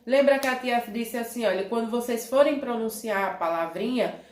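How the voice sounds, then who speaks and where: A woman's voice: fairly high pitch, darkish tone, echoey room. A Brazilian woman teaching young children a review lesson, calling herself auntie and checking in with a tag question after almost every phrase. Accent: Brazilian Portuguese. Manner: speaks of herself as "tia", many tag questions like "né?" and "certo?"; drawn-out syllables when modelling words. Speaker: primary school teacher.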